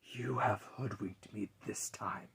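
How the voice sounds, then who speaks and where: Man voicing Death, a hushed, breathy grim spirit. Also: on the low side, steady tone, full character voice. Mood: cold menace. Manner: slow, ominous, deliberate. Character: Death, grim godfather spirit, stern and menacing. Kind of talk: dramatic fairy tale reading.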